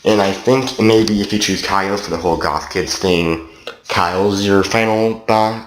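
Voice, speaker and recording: A man's voice: sits low, unhurried. A man from Canada giving a loose, meandering and profane game review in a casual tone. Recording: roomy echo, faint noise.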